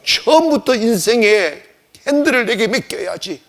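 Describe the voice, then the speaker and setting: A man voicing the Lord as a stern, exasperated figure scolding faithless disciples in a gruff, reproachful tone. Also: very high-pitched, expressive, moderate pace, a bit bright, exaggerated voice.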